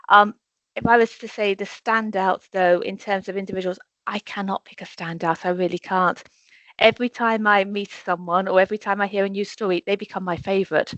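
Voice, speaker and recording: A woman's voice: medium pitch, no echo. Effusive woman on a dull video call. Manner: effusive, warm, lots of "you know" fillers. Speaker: corporate sponsor representative. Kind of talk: casual webinar chat. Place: office in Birmingham.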